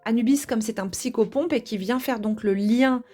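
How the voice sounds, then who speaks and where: A woman giving a tarot reading, speaking gently and chatting to her viewers with many hesitations. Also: on the high side, normal speed. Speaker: tarot reader.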